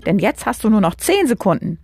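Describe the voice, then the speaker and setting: A woman's voice: mid-range voice, very animated, fairly quick, darkish tone, husky, pitched above the performer's own voice. A woman voicing a cheeky, daring male chocolate Santa who taunts his enemy, read from a storybook. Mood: taunting. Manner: taunting, calling out boldly.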